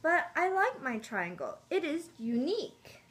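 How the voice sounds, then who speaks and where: A woman's voice: high voice, very animated, measured pace, voice pushed up. A woman voicing a proud, earnest young male spider while reading a picture book aloud to young children. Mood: earnest, polite.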